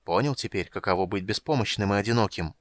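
A man voicing a frail young mage who speaks quietly and cuttingly, with bitter coldness. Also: lowish voice, fast talker, dry recording, close to an everyday voice. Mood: cold.

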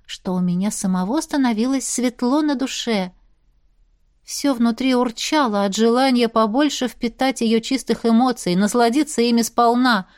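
A woman reading a novel aloud in a steady, even storytelling manner. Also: fairly high pitch, dry recording, studio quality. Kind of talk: audiobook narration.

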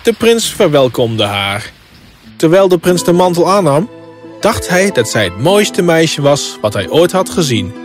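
A man's voice: a little high, very animated, measured pace, faint music behind. A man reading a scripted fairy tale as a storybook narrator.

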